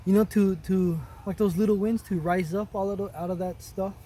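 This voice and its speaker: Man, mellow tone, hesitant casual talk, slightly raised pitch. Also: steady tone, a little hiss or hum. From Oahu, Hawaii. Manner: halting, searching for words. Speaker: interviewee.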